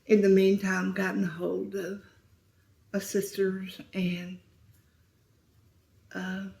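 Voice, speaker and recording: A middle-aged woman telling a painful story as an interview guest, speaking softly and sometimes near a whisper. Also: mid-range voice, completely flat delivery, takes it slowly, vocal fry. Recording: roomy echo.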